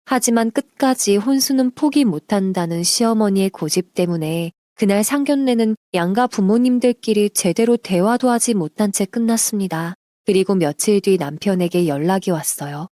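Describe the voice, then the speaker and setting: A woman narrates a submitted life story in a steady, confiding way. Her voice is mellow and warm, and the recording is dry with no room sound. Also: mid-range voice, normal speed, few pauses, no room sound.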